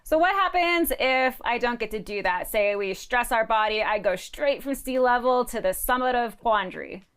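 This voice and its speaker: A woman co-hosting an outdoors show from a studio, chatting in a playful, jokey way. Her pitch swings up and down a lot. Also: lively intonation, a bit bright, smooth. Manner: playful, giggly, quick asides. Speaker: co-host. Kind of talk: casual studio chat.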